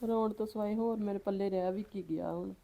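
A woman's voice: a little high, brisk, a little mellow, lightly acted. A woman playing an anxious, tearful mother. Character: worried middle-aged Punjabi mother, woman. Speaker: elder sister-in-law, troubled mother. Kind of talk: web series drama acting.

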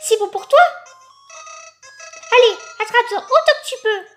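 A man voicing a sugary little flower with a sly streak, in a high squeaky cartoonish voice. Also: a little slow, a bit bright, faint music behind. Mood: sweetly teasing.

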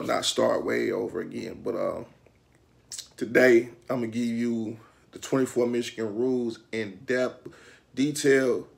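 A middle-aged man with a Detroit accent vlogs casually to the camera from a small room at home, handing out streetwise, instructive advice and gesturing a lot with his hands. His voice is medium-pitched with vocal fry.

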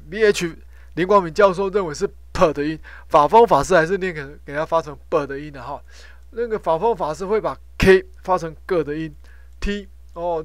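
A man's voice: a little high, no room sound. Chatty male professor, dry sound. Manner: chatty, repeats himself, ends phrases with a drawn-out "ha". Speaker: professor teaching Sanskrit pronunciation. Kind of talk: informal spoken lecture.

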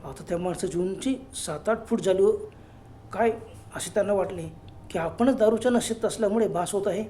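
A man narrating a horror story in a hushed, suspenseful way. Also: high voice, brisk, slight background noise.

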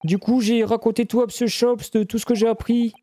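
Man doing a high, bright-free puzzled young man. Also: level tone, brisk. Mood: puzzled, hesitant. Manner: hesitant, questioning reading. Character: polite, puzzled young man in a detective game. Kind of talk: amateur live dub of a video game. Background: game music.

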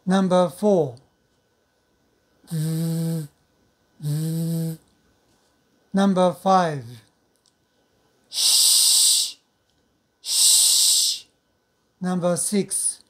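A woman teaching English pronunciation in Japanese, speaking slowly and patiently with many fillers and drawn-out model sounds. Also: fairly low pitch, fairly even intonation, a little mellow, a little hiss or hum. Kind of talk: recorded pronunciation lesson.

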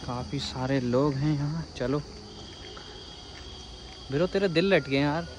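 Walking through a hillside restaurant and park, a young vlogger from India teases his friend in a relaxed outdoor video shot on his phone. His male voice leans high and he takes his time. Background noise comes through clearly on the phone recording.

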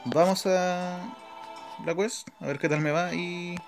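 With game music running underneath, a man with a Chilean Spanish accent talks through his gameplay in a loose, informal way, thinking as he goes. He hosts gaming videos. His high voice carries vocal fry, keeps a fairly even intonation and moves at a slow pace.

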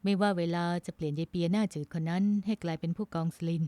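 A woman's voice: on the low side, steady tone, fast, no echo, close to an everyday voice. Woman doing a lovesick young navy man. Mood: tender. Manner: pleading and loud in emotional scenes.

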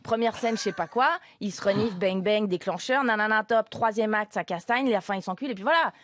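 A woman voicing a pushy, hyperactive film producer who fires off ideas in a brash, excitable way. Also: mid-range voice, brisk, background noise, natural voice.

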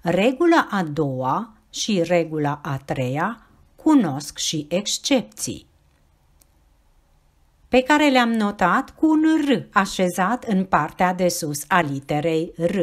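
A woman as a teacher, reading a scripted grammar lesson in a clear, measured, explanatory way. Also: on the low side, sing-song.

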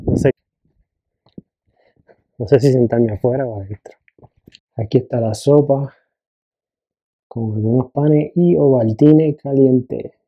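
A male travel vlogger walks mostly along outdoor mountain hiking trails, talking casually and chattily into a handheld camera. His mid-range voice is slow and he pauses often. The recording is dry, yet dull and noisy, typical of outdoor handheld capture.

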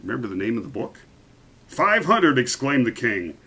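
A man reading a picture book aloud to children, animated and stopping to point out the pictures. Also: lowish voice, fast talker, creaky, breathy edge, rough recording.

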